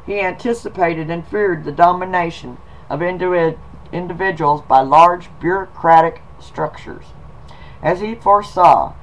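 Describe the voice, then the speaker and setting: Slow, folksy sounding man. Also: high-pitched, poor audio. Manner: folksy, slow, drawling delivery with y'all and 'em. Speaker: video blogger. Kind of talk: casual reading and storytelling.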